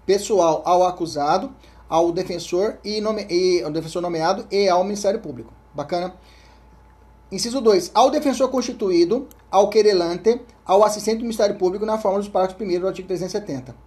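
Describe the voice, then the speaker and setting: A man with a Brazilian Portuguese accent teaching an exam-prep law lecture. He reads statutes aloud, repeats key points, keeps checking in with his listeners and often trails off into a low murmur. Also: fairly quick, darkish tone.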